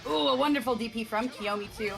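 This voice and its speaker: High-voiced excitable woman commentator. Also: quick pace, gravelly, music in the background. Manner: excitable, laughs often, shouts at big plays. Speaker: tournament commentator. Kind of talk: fighting game commentary.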